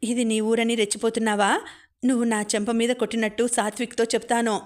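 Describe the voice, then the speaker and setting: A defiant, sharp-tongued young woman, read by a woman. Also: a little high, flat delivery, a little fast, lightly acted. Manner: cutting, firm.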